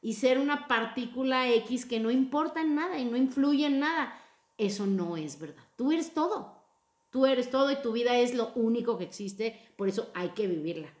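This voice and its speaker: Woman host, animated and playful, fairly high voice, roomy echo. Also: normal speed. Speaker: podcast host. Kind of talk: casual podcast chat about emotions.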